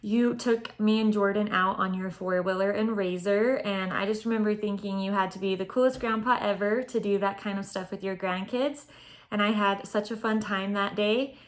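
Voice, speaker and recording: A young woman giving a short, warm birthday message to her partner's grandfather. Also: mid-range voice, fairly even intonation, normal speed.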